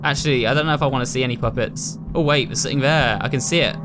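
A British host of a gaming video talks fast at a medium pitch, offering casual, chatty commentary to his viewers as he plays a horror game. His voice sits over ominous game music.

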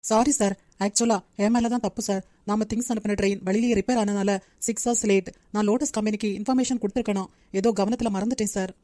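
A meek, apologetic young office clerk, voiced by a woman in a cartoon, talking quickly. The voice is warm and low-key, recorded dry and close. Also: fairly even intonation, no room sound, close to an everyday voice. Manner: deferential, apologetic.

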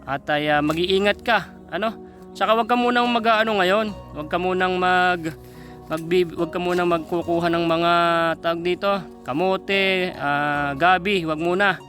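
A man from the Philippines vlogging outdoors on a mountain, talking haltingly with many fillers and coaxing an old man. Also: high-pitched, fairly bright tone. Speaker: charity vlogger. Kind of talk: casual vlog talk to camera and an old man. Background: guitar music.

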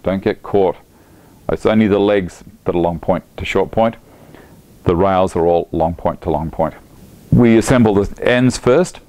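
In his home workshop, a woodworking instructor explains a project one step at a time, chatting away enthusiastically while he keeps working. He's middle-aged, with a lowish, slightly mellow voice.

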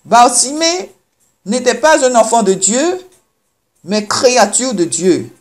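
Slow, emphatic woman preacher over faint music. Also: fairly high pitch, animated. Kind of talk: sermon.

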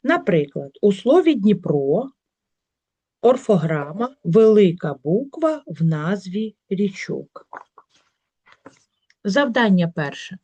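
Slow, mellow-voiced woman teacher. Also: mid-range voice, very animated, husky, dry recording. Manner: slow, careful dictation of example words. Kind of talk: workbook lesson for schoolchildren. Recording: dull, lo-fi recording.

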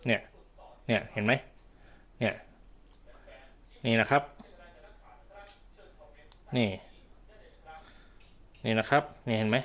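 A man's voice: lowish voice, steady tone, takes it slowly, long pauses, fairly bright tone. A man giving a casual hands-on product demonstration, explaining step by step and often repeating himself with polite particles. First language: Thai.

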